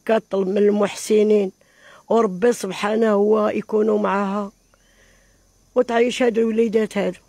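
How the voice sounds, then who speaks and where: A woman's voice: mid-range voice, little pitch movement, brisk, warm tone, no echo. An older woman with a Moroccan Arabic accent, pleading for help in an interview and calling on God often, recorded in an outdoor tent on a handheld mic. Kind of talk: pleading casual talk.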